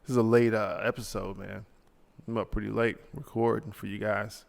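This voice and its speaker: A man's voice: on the low side, flat delivery, normal speed, creaky, big-room sound. A man hosting his own podcast alone, ranting casually and rambling with slang, tired late at night. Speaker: podcast host. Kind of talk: solo casual monologue.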